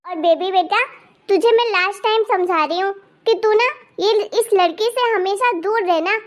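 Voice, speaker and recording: A woman voicing a haughty old grandmother in an animated cartoon, scolding harshly and with contempt. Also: very high-pitched, moderate pace.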